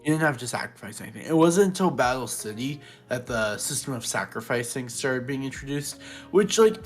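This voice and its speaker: A man co-hosting a casual podcast, talking in an animated, opinionated way with many fillers. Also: medium pitch, fairly quick, soft background music. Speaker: podcast co-host. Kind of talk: casual chat.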